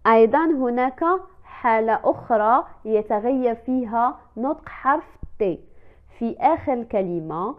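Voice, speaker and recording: A woman teaching French in a language lesson, repeating each example word clearly several times before explaining it. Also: fairly high pitch, lively intonation, a little slow. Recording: tinny phone-like sound.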